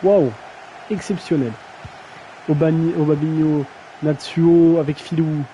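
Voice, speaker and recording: A man's voice: a little high, flat delivery, unhurried, mellow, a little hiss or hum, rough recording. Slangy young man commentating a match. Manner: slangy, self-mocking, stumbles over names. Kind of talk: casual live-stream match commentary.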